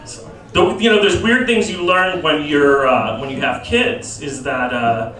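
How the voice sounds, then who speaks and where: A man in his thirties doing a stand-up comedy set, with deadpan asides and sudden high-pitched voices when he quotes people. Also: measured pace, slight background noise. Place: comedy lounge. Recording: very echoey room, from far off. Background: audience laughter.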